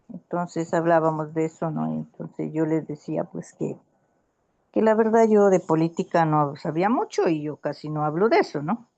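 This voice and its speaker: A woman's voice: fairly low pitch, dark tone, highs cut off. A woman in a casual Bible study conversation, telling a story in an earnest, rambling way with many restarts.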